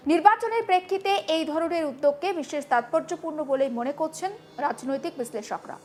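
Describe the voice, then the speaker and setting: A woman's voice: sits high, fast, a little hiss or hum. A woman news anchor, presenting a news report.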